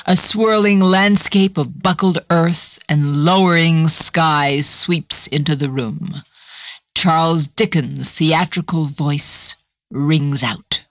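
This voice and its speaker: Slow-paced woman narrating a drama. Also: deep voice, no echo.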